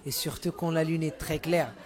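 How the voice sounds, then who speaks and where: A Moroccan musician, a man whose first language is Moroccan Arabic, chats casually as an interview guest. His voice is a little high and his speed normal, and he frequently repeats words while reaching for vocabulary.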